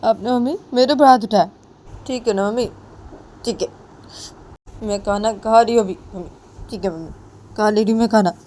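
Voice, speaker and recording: A woman's voice: medium pitch, moderate pace, pauses often, dark tone, voice pushed up, natural voice. A woman voicing a hurt young wife who talks back indignantly and repeats herself.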